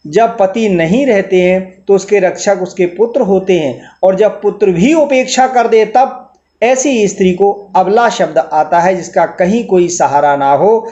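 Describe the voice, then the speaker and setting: A man's voice: sits high, mellow, muffled recording. A man teaching a literature lesson, explaining a poem line by line and glossing its words as he goes.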